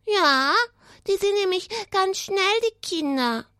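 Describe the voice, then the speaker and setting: A performer voicing a small, eager hare puppet who talks like an excited child in a children's puppet show. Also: extremely high pitch, slow pace, no room sound, clean studio sound, exaggerated voice. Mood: playful. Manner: chatty, excitable, childish talk.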